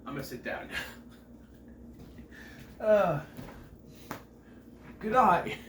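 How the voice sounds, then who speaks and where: A thirtysomething man with a high-sitting, sing-song, slightly bright voice talks very slowly, nasal and congested from a cold, in a chatty, joking film review. He rambles through asides and self-corrections, recorded in an echoey, noisy room from a distant mic.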